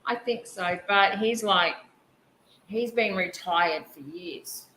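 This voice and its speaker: A woman's voice: medium pitch, takes it slowly, pushed and bright. A woman chatting casually in a dry, teasing way. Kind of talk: casual chat. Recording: echoey room with faint background noise.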